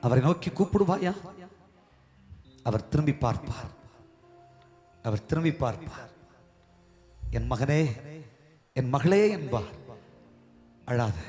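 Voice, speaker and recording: High-pitched guy preaching slow, hushed then crying out, faint music behind. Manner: swings from hushed to crying out, drawn-out pleading calls. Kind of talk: impassioned Tamil sermon.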